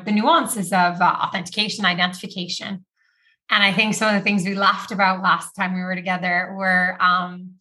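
A woman's voice: mid-range voice, sharp tone. A woman from Brazil, a podcast guest, talking casually about her career with many "like"s and small laughs. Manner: chatty, uses "like" often, laughs between phrases. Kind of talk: casual interview talk.

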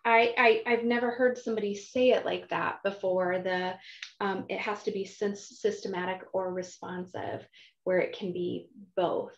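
A woman's voice: mid-range voice, steady tone, normal speed. A chatty, enthusiastic woman hosts a podcast interview, often restarting her sentences. Her voice sits in a roomy space. The sound is slightly dull and muffled. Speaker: podcast host.

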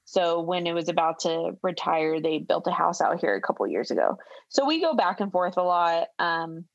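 Low-voiced woman, dull dry sound. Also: very animated, creaky, dry recording. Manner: easygoing, reactive, quick to laugh along. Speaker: podcast co-host. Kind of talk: casual chat.

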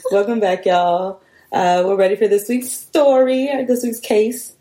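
A woman's voice: medium pitch, steady tone, measured pace, warm tone. A woman co-hosting a true-crime podcast, tossing in blunt wry asides. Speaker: podcast co-host. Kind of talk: casual podcast chat.

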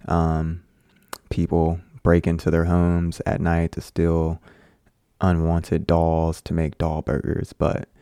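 A man's voice: low-pitched, mellow, clear, resonant tone, no room sound, studio quality. A man reading a horror short story aloud after a loose, chatty intro. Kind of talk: casual intro and story narration.

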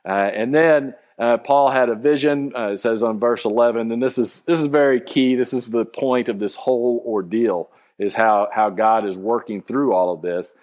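Guy teaching bible study, lots of ums and uhs, reads verses then explains, mid pitch. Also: darkish tone. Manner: halting, many fillers, reads scripture aloud.

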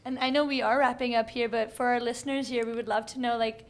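A woman's voice: on the high side, fairly even intonation, fast talker. A woman co-hosting a casual podcast interview, encouraging and enthusiastic toward the guest. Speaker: podcast co-host.

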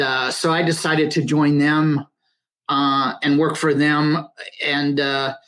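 Fairly high-voiced middle-aged man. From Western Nebraska, USA. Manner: relaxed, hesitant storytelling. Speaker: podcast guest, finance consultant. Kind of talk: conversational interview.

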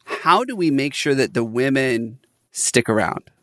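An energetic man hosts a conversational interview, speaking like a business coach who slips easily into stories and laughter. His voice sits at an ordinary middle pitch. The recording is dry, with no room echo. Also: unhurried. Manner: animated, laughing storyteller.

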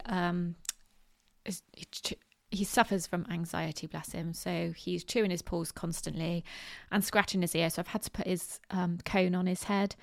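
Chatty woman with a West Country accent. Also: on the low side. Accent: West Country English. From Bristol, southwest England. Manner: chatty, informal, hesitant with many ums. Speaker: podcast host. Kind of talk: casual solo podcast talk.

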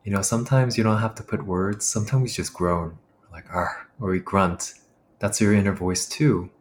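A man's voice: lowish voice, steady tone, normal speed, a little hiss or hum. A man who is a pastor and military chaplain, talking reflectively as a guest on an interview show.

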